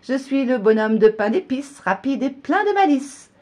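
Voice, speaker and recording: A woman voicing a cocky, mischievous little gingerbread man in a storybook reading, with a shrill, sing-song taunting chant. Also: very animated, normal speed, darkish tone.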